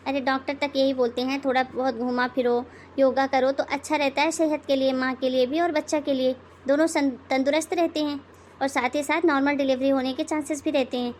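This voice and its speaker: A woman voicing an outspoken elder daughter-in-law in an animated moral story, lecturing and sarcastic. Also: sits high, fairly quick, slight background noise, lightly acted.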